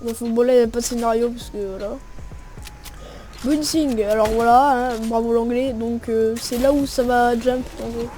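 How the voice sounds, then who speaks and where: With game music and gunfire behind her, a relaxed young gaming creator narrates a casual tutorial in slang, making shot sounds with her mouth. She talks fairly quickly with a higher voice, barely pausing, against a noisy background.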